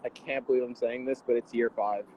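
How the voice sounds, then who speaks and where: A man in his twenties from the Washington D.C. area, a guest athlete answering interview questions in a measured, thoughtful way over a video call. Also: medium pitch, fairly even intonation, dark tone. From Washington D.C. area, USA. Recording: tinny phone-like video call audio.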